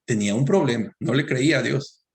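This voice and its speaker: Reading scripture aloud and speaking straight to the congregation, a man delivers a brisk sermon in a Latin American Spanish accent. He moves between loud, emphatic peaks and quiet, low asides.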